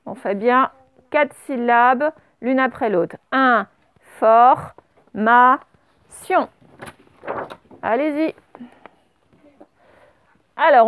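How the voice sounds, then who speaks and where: Slow, careful French schoolteacher woman. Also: high voice, dry recording. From France. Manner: slow, deliberate, spells out letters and syllables. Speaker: primary school teacher. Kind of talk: dictation and spelling lesson.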